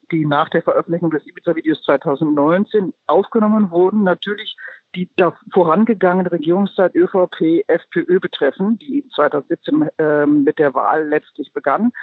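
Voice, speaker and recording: A woman's voice: on the low side, breathy edge, no room sound, narrow, tinny audio. A woman correspondent speaking by mobile phone from a train, explaining things with hesitant fillers over a poor-quality line. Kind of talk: news phone interview.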